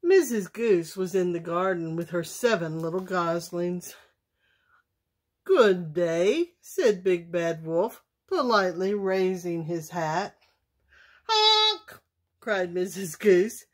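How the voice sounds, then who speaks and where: A woman reading a children's bedtime story aloud, slowly and expressively. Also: lowish voice, a little mellow.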